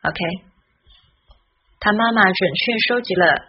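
A woman teaching English pronunciation in a careful lesson, spelling out letters and modeling each sound slowly. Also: mid-range voice, slight background noise. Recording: dull, lo-fi recording.

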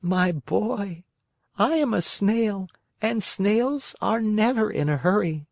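A reader voicing a calm, unhurried female snail in a storybook, speaking high and slow in a peaceful way. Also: vocal fry, dry recording, clean studio sound. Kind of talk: storybook character voice.

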